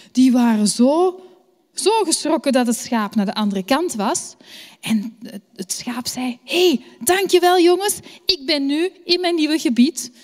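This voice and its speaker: Slow, high-voiced Flemish woman telling a story. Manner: lively, asking the children questions. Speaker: children's story teller at a church service. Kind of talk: storytelling to children. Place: church hall. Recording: long hall reverb.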